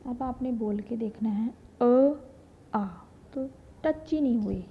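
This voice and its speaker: A woman teacher with a slightly high, husky voice walks her pupils through the vowels, stretching each sound out slowly and patiently. The recording is dull and lo-fi. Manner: slow, drawn-out demonstration of vowel sounds, addresses students as children. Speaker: Hindi teacher. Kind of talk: classroom lesson.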